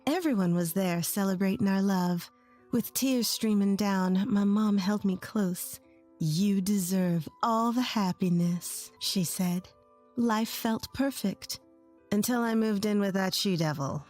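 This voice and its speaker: A woman's voice: medium pitch, a little slow, a little mellow, soft background music. A woman in her twenties from rural Texas, telling her own story in earnest, scripted first-person narration. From rural Texas, USA. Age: 20s.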